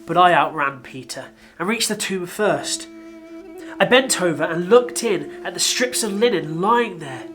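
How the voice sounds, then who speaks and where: A man's voice: high voice, pushed and bright, exaggerated voice. A man playing an apostle, narrating his memories in an earnest, reflective way. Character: older male apostle recalling his past. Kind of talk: dramatic narration.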